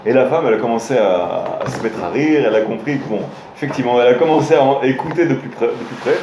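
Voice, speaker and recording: A man's voice: medium pitch, fast, darkish tone, slight background noise. A man, a rabbi, giving an informal Torah lesson, telling stories with frequent restarts and hesitations and speaking directly to his listeners. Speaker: rabbi teaching a Torah class. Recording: roomy room with faint ambience.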